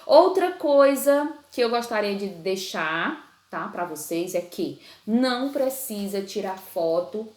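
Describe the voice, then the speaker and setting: A woman's voice: medium pitch, lively intonation, a little mellow, reverberant. A woman teacher giving a remote lesson, stretching and singing out the stressed syllables of example words and checking in often with her students. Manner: drawn-out sung-out stress on example words, frequent "certo?" checks. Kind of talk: remote class lesson on Portuguese accent rules.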